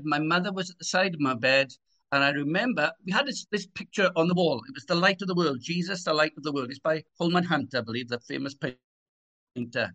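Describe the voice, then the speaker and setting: A man's voice: a little high, sharp tone. A man in his sixties from Swansea, with a Swansea Welsh accent, giving conversational personal testimony as an interview guest. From Swansea, Wales. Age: 60s.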